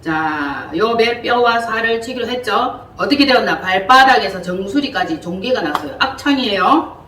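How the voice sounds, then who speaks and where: A woman's voice: on the high side, moderate pace. Woman teaching scripture in an echoey room. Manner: lively, colloquial, quizzes listeners. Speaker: Bible teacher. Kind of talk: interactive Bible lesson. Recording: echoey room from far off, faint hiss.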